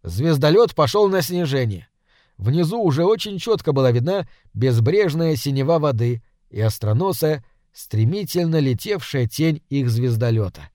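A man narrating a children's space adventure story in an even, read-aloud manner. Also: on the high side, normal speed, no room sound, clean studio sound.

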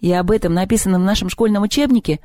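A nervous, pedantic schoolboy from a storybook, voiced by the narrator, summing up in a stiff, formal way. The voice sits a little higher than the reader's own and stays mellow. The recording is close and dry. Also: very fast, no room sound, natural voice.

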